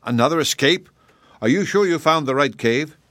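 A man voicing a cruel, quick-tempered male gnome king who roars and snarls his threats. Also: mid-range voice, lively intonation, a bit bright, no echo, natural voice. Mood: furious.

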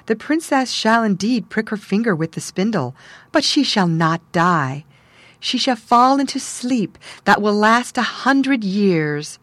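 A woman voicing a kind, wise young fairy godmother who speaks calmly and reassuringly. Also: medium pitch, no room sound. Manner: calm, reassuring and firm.

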